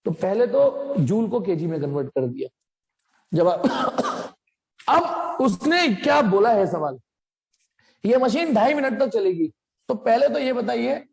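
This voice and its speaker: Joking physics teacher. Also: male voice, very high voice, a little mellow. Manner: chatty, joking, mixes English phrases, makes machine sounds. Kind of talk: blackboard lesson explanation.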